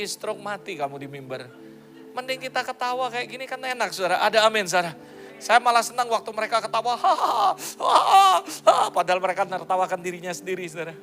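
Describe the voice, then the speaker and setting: Pastor guy preaching, kinda high voice, joking around, tosses in english bits. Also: pushed and bright. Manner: playful, jokey preaching with English phrases mixed in. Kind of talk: sermon.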